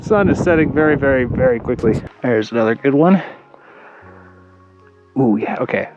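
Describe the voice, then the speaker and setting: A man vlogging outdoors while hiking fast at dusk, chatty and enthusiastic, short of breath and laughing often. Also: mid-range voice, animated, dull audio, over loud music. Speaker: rock hunting vlogger. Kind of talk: casual vlog narration while hiking. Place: outdoors at dusk on a rocky hillside. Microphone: action camera and phone.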